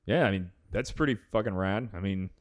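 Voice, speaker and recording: A man's voice: low voice, a little fast. A man co-hosting a casual podcast, laid-back and swearing casually. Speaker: podcast co-host. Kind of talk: casual chat.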